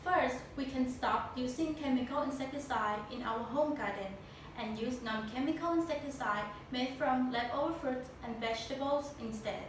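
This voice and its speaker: A woman's voice: sits high, normal speed. A young woman with a Thai accent delivers a memorized competition speech in a stiff, rehearsed way. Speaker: speech contestant. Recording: very echoey room, distant mic, noisy.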